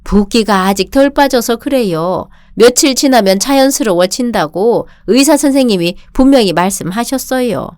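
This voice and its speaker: A hurt, self-pitying mother-in-law in her sixties who pleads softly with her husband, as a woman narrator voices her. Her lines sit a bit higher than the narrator's own voice, in a dry radio drama reading. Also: expressive, moderate pace, hardly any pauses, dry recording, natural voice. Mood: pleading.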